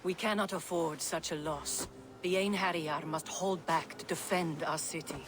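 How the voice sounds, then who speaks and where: A woman's voice: deep voice, steady tone, normal speed, noisy background, close to an everyday voice. A woman playing a prudent, dignified Norse goddess in a video game, formal and firm. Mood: firm, cautionary. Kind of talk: dramatic video game acting.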